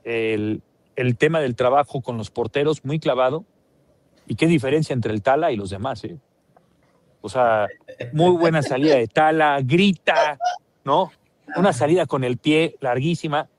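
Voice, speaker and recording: A man with a Mexican accent hosting a live sports talk show, animated and joking, with lots of restarts. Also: medium pitch, normal speed, no room sound.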